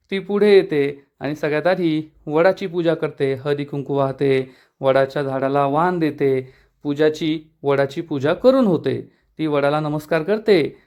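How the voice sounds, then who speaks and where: A man's voice: a little high, darkish tone. A man narrating a dramatic episode recap of a TV serial, retelling the scenes as a story. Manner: dramatic storytelling, quoting characters.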